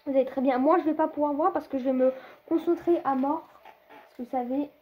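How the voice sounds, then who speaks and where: A woman's voice: sits high, fairly even intonation, fairly quick, highs cut off. A woman giving casual gameplay commentary, chatty and rambling, laughing often, with many fillers and restarts. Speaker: gaming YouTuber.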